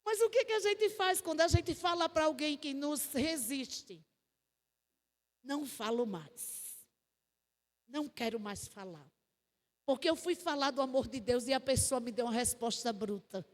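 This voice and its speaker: A woman's voice: high voice, moderate pace, few pauses. A woman with a Northeastern Brazilian accent preaching a testimony sermon, telling her story vividly and acting out the voices she quotes. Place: church hall. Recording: long church reverb.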